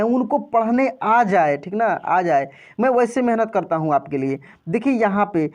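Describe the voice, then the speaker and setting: A patient man teaching vowel sounds. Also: high-pitched. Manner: patient and repetitive, drawing out vowel sounds loudly for practice; addresses viewers as friends and often checks understanding. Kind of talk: online video lesson for adult learners.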